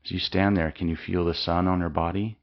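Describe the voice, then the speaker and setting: Recorded in lo-fi, a man with a low voice leads a guided mindfulness meditation. He speaks slowly and soothingly, calm throughout, leaving long pauses.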